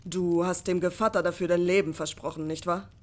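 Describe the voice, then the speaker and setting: Woman doing a quiet male journeyman, knowing, low, soft, audiobook. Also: fairly even intonation, a little fast, close to an everyday voice.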